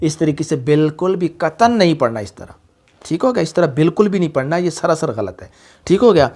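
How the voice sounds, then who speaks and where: A man with a fairly high, darkish, sing-song voice speaks fairly quickly as he gives a tajweed lesson. He patiently calls his student "son" and stretches each syllable in call-and-repeat Quran recitation drills.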